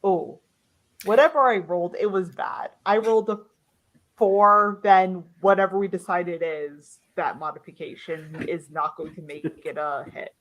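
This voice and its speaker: A woman playing in a tabletop role-playing game, wry and lively. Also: fairly low pitch, normal speed, muffled recording. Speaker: player.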